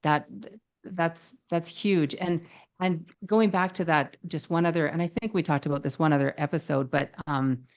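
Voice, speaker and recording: A woman's voice: low voice, steady tone, normal speed. A woman, a relationship psychologist, talking thoughtfully and asking probing questions in a casual conversation. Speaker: podcast co-host, relationship psychologist.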